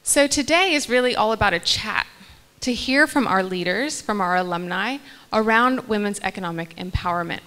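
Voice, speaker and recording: A young woman with a mid-range, bright, forceful voice moderates a panel on a large hall stage, speaking at a moderate pace into a handheld mic. She reads guest bios and laughs lightly at her own small slips. There's a little hiss or hum in the audio.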